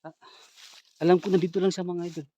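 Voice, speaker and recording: A man hosting a ghost-hunting vlog, talking to his viewers in hushed, tense bursts. His voice sits a little high and has a husky, breathy edge. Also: level tone, fast, muffled recording. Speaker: ghost hunter vlogger.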